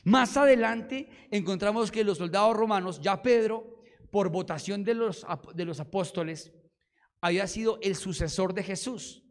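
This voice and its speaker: A man preaching a sermon in an animated way, acting out dialogue and prayers and swinging from hushed to loud. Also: sits high, moderate pace.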